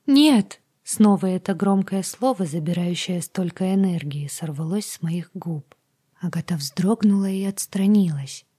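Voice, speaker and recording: A woman narrating a first-person audiobook in a hushed, half-whispered voice. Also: fairly low pitch, normal speed, breathy edge.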